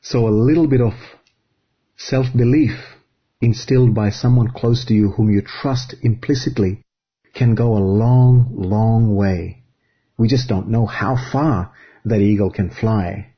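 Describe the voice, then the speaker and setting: A man from Fiji giving an earnest, measured reflective spiritual talk as a guest speaker, phrase by phrase. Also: on the low side, slightly rough, lo-fi sound.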